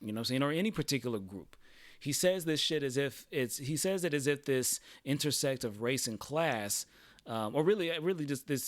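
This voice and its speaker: A medium-pitched livestream host chats casually, rambling with plenty of profanity and a habit of repeating "you know what I'm saying." The audio has no echo.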